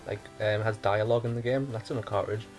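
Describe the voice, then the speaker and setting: A man co-hosting a casual podcast chat, explaining at length, thinking out loud and correcting himself. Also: fairly low pitch, fairly even intonation, fast, vocal fry, faint music behind. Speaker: podcast co-host.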